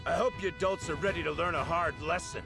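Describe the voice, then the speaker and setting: A man voicing a gruff, boastful bandit king and proud father in a video game. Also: on the high side, fast. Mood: boastful menace. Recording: loud game music underneath.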